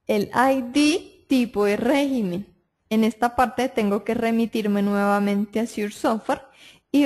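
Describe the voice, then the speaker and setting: A woman with a mid-range voice, working as a software trainer, walks through the steps of a screen-recorded software tutorial. She explains step by step, often saying "entonces" and "listo" and checking in with "¿sí?".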